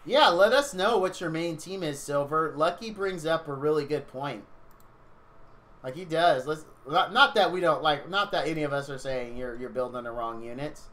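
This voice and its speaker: A man's voice: a little high, moderate pace, a bit bright. A tired man streaming a video game, chatting casually and rambling to his viewers. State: tired, yawning.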